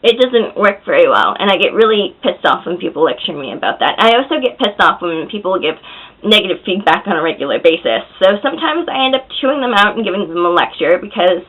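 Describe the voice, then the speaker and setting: An American woman who is hoarse and unwell with a cold, chatting casually and candidly to her viewers, a little short of breath. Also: on the low side, sing-song, fast, fairly bright tone. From Oregon, United States. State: out of breath, shaky. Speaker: vlogger answering viewer questions. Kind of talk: casual chat to camera. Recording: thin, phone-like narrow sound.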